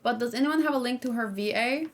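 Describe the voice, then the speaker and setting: Talking fast in a highish voice, a young streamer reacts to a game character, reading out viewer comments and wandering through casual chat full of fillers.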